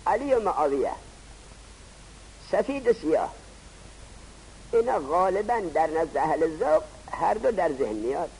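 A man teaching a grammar lesson, posing rhetorical questions and answering them himself in a slow, drawn-out teaching cadence. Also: sits high, darkish tone, a little hiss or hum, poor audio. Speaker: seminary teacher. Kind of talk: classroom lecture on Arabic grammar.

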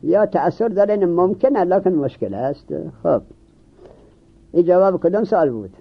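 A seminary teacher gives a classroom lecture on Arabic grammar in a high, animated, slightly rough voice, frequently posing questions and answering them himself. The recording sounds dull and lo-fi.

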